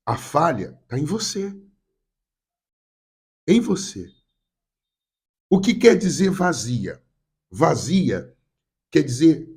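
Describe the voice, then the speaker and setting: A pastor from Brazil, speaking Portuguese with a Rio de Janeiro accent, preaches a sermon, repeating and emphasizing his points and addressing the congregation directly. He has a cold, and his medium-pitched voice sounds dark and husky.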